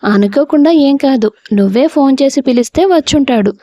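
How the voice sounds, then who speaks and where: A woman's voice: sits high, animated, fairly quick, mellow, pitched above the performer's own voice. A woman voicing a bitter, resentful young husband who snaps scornfully. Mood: angry. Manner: scornful, snapping.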